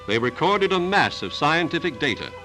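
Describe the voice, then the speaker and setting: A man narrating an old newsreel in a measured, declarative announcer delivery. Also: on the high side, sing-song. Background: music score.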